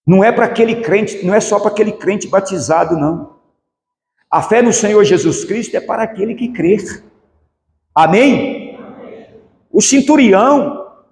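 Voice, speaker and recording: A man's voice: sits high, darkish tone. A man preaching a sermon as pastor, asking the congregation rhetorical questions. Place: church. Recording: echoey church hall with long reverb.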